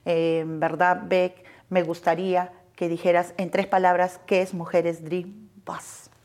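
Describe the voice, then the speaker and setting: Low-voiced woman interviewer for a TV talk show, affirming. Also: flat delivery, unhurried, a little mellow. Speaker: co-host. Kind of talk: television talk show conversation.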